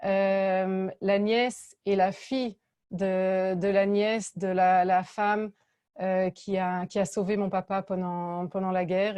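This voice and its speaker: A woman's voice: mid-range voice, warm tone. A middle-aged woman introducing an event to an audience, hesitant with many fillers and restarts. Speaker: event presenter.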